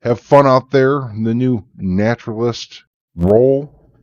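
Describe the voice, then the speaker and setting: A man's voice: medium pitch, unhurried, no echo, muffled recording. A man live-streaming a game, chatting casually, sleepy and yawning, thanking his viewers. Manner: relaxed, tired, thanking viewers.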